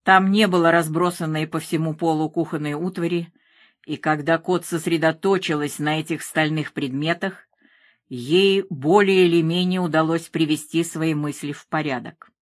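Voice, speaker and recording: A woman narrating a thriller audiobook in a measured, even reading. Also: sits low, no echo, studio quality.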